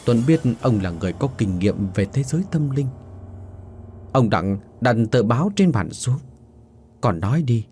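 A man narrating a scripted ghost story in an expressive, dramatic way. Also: mid-range voice, normal speed. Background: faint background music.

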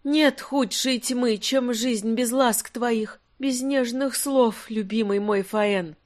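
A narrator voicing a young male actor reciting a mournful stage monologue slowly, in declamatory verse, in an audiobook. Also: medium pitch, fairly even intonation, voice pushed up, natural voice. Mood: grieving. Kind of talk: audiobook character voice.

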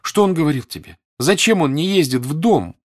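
A man's voice: fairly high pitch, animated, fairly quick, voice pushed up. A man reading an audiobook and voicing an earnest young woman who presses with worried questions.

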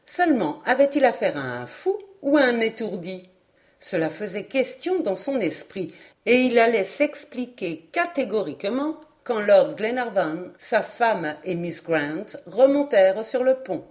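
A woman narrating a classic novel for an audiobook, with an expressive, measured literary delivery. Her voice sits in an ordinary middle range for a woman. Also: medium pitch. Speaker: audiobook reader. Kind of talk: scripted narration.

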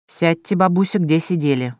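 Woman voicing a calm, dry young woman. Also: lowish voice, normal speed, dry recording, natural voice.

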